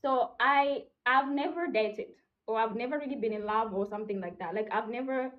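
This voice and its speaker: A woman's voice: a little high, moderate pace. A woman in her twenties from Rwanda, calling into a show and speaking hesitantly, with lots of fillers. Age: 20s. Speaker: caller. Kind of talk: casual call-in talk. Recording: dull call audio.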